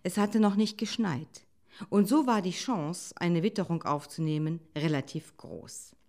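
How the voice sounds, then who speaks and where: A woman calmly reading a children's animal story aloud as narrator. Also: lowish voice, measured pace.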